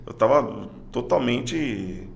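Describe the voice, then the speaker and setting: Gravelly middle-aged Brazilian man, halting. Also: mid-range voice, expressive. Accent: Brazilian Portuguese. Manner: halting, repeats words and restarts phrases. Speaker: podcast guest, police sergeant. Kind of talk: personal testimony in casual conversation.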